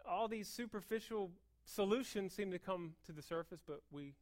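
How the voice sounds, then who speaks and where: Preaching informally, the American woman speaks rapidly and with emphasis, keeping it conversational through repetition and rhetorical questions. Her voice is mid-range and a little mellow.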